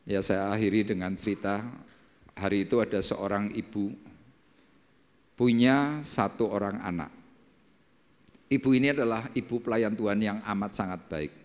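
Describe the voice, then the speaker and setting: A male pastor preaching a sermon and telling a story dramatically, swinging between hushed and emphatic lines. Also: on the low side, normal speed, pauses often. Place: church service hall. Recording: echoey church hall with faint music.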